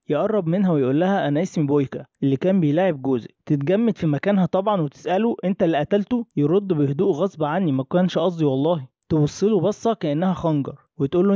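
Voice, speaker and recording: A man with an Egyptian accent tells a film's story at breakneck speed, lightly acting out each character's lines in an offhand, chatty way. His voice sits a little high and has a warm, mellow tone. The recording is dry and slightly dull. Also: dry recording. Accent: Egyptian Arabic. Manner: rapid colloquial retelling, acting out quotes lightly. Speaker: film recap narrator. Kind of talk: casual storytelling film recap.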